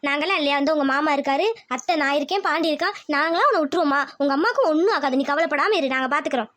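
A woman's voice: high-pitched, very fast, fairly bright tone, pitched below the performer's own voice. A woman voicing a middle-aged village aunt who soothes a crying girl in a cartoon. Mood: soothing. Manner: soothing, reassuring. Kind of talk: cartoon voice acting.

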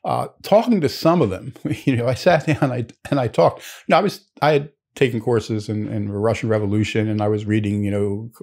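A man's voice: fairly low pitch, fairly quick, few pauses, darkish tone. An older man, a naval historian, telling long rambling stories from his student days with many restarts and asides. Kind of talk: anecdotal storytelling.

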